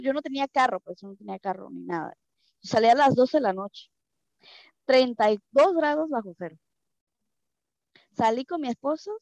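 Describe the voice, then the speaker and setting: This interview clip features a Mexican woman, accented in Mexican Spanish, sharing a personal story with strong emotion and frequent repetition of phrases for emphasis. Her voice has a slightly mellow quality. There's no echo, and the recording is dry, dull, and low in fidelity.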